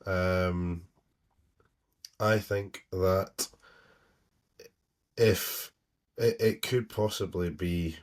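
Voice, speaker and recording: A man co-hosting a football podcast, talking hesitantly with many pauses. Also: low voice, steady tone. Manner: hesitant, many ums and restarts. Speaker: podcast co-host. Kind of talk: casual podcast chat.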